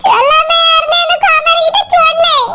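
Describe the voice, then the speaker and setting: A woman voicing a tearful elderly village mother-in-law in a cartoon, wailing and shouting through tears. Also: very high voice, fairly even intonation, normal speed, loud music behind the voice. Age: older. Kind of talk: cartoon village comedy voice acting. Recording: loud background noise.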